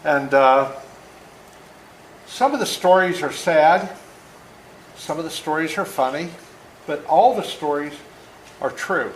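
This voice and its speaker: His voice on the high side and animated, a man in his seventies takes it slowly with long pauses as he tells stories and reads aloud to schoolchildren. He's an author, recorded in an echoey room with faint noise.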